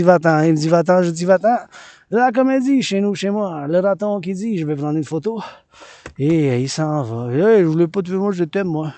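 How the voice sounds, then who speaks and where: A man with a Québécois French accent, rambling excitedly while walking outdoors and filming a vlog, mixing French and English. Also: high voice, no room sound. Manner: loose and excitable, switches between French and English. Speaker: vlogger. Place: outdoors on a mountain path.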